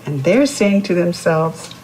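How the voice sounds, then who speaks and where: A woman with a lowish, dark voice reads a picture book to young children, speaking expressively and a little slowly. She teaches as she goes, asking the listener questions and explaining words. The recording is low quality, with slight background noise.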